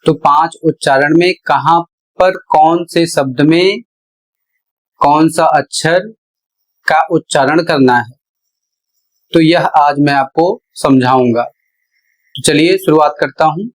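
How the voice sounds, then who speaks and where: A man's voice: on the high side, slow pace, long pauses, low-quality recording. A man teaching English pronunciation in an explanatory lesson, spelling words out letter by letter before saying them.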